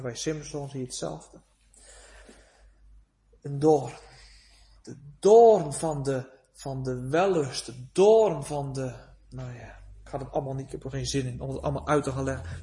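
A man preaching a sermon, moving from quiet, hushed passages to rising, pleading cries. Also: medium pitch.

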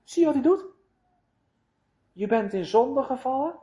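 Slow, deliberate male preacher. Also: very high voice, animated, dark tone. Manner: deliberate and emphatic, with rhetorical questions to the listeners. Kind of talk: sermon.

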